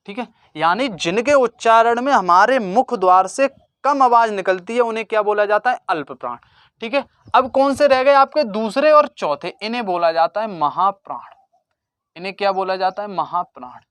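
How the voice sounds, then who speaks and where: Exam-prep teacher, mid pitch, question-and-answer drilling, dry recording. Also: normal speed, clean tone, no echo. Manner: call-and-response, asks a question then answers it lower and softer. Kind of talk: exam-prep grammar lesson.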